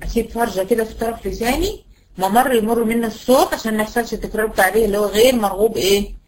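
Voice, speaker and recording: A woman's voice: a little high, darkish tone, poor audio. Egyptian woman teaching tajweed, patient drills. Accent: Egyptian Arabic. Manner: patient, asks questions and answers them herself, drills sounds slowly. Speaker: Quran recitation teacher. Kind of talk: online tajweed lesson.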